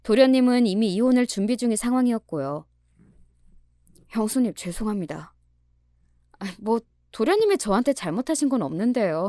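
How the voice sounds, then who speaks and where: A woman reading a first-person story in a calm, measured and cutting manner. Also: medium pitch, dry recording, clean studio sound. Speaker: story narrator.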